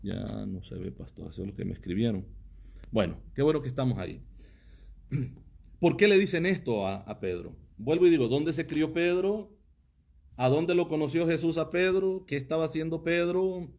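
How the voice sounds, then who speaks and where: A man's voice: a little high, animated, normal speed, vocal fry, a little mellow. A man, a pastor giving a livestreamed teaching sermon, reading viewer comments and asking his audience one rhetorical question after another.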